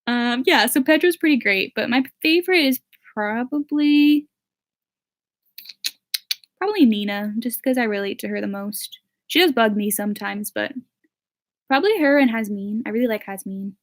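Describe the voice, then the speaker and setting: Chatty teen girl, slightly high voice. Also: lively intonation, moderate pace. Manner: chatty, full of "like" and "um" fillers. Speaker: vlogger answering viewer questions. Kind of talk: casual Q&A chat.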